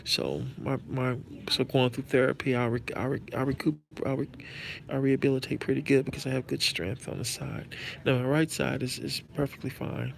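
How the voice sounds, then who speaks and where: A man talks casually to his stream in a gravelly, creaky voice of average pitch. His speech is slightly thick, as if numb from the dentist, with a numb tongue and cheek after a stroke. He halts and repeats phrases over some background noise. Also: brisk. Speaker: live-streaming host. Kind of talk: casual chat to viewers.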